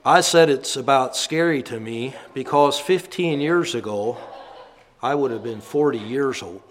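A man's voice: mid-range voice, a little slow. A man in his fifties, a minister giving a reflective sermon and reminiscing about the past. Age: 50s.

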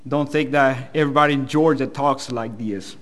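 A man from El Salvador preaches a sermon in a Salvadoran Spanish accent, plain-spoken, somewhat hesitant, and self-deprecating. His medium-pitched voice moves at normal speed, with a little hiss or hum in the recording.

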